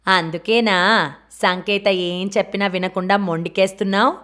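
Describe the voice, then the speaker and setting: A woman voicing a sharp-tongued older aunt who scolds her lazy nephew, read in an audiobook. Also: mid-range voice, steady tone, moderate pace, natural voice. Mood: reproachful. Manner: scolding, reproachful.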